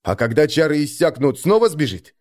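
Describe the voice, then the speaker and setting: A blunt, irritable shaman who drawls and scolds, as a male narrator reads him. His voice sits slightly high and moves lively. It is a storybook reading. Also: fairly quick. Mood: stern.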